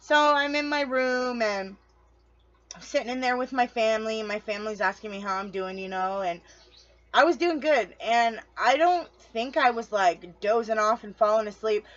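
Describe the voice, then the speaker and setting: Woman, casual vlogger, slightly high-pitched, rambling and chatty, speaks right to viewers, dull lo-fi home recording. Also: normal speed, a bit bright. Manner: rambling, loses her train of thought; chatty, addresses viewers directly. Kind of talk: casual storytelling to camera.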